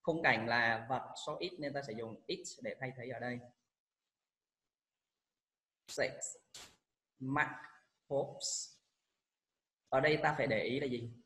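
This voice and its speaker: A man teaching, a high school English teacher with a Vietnamese accent, going through exam questions and reading out the English answer words slowly before explaining them in Vietnamese. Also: pushed and bright, rough recording. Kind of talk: exam walkthrough lesson.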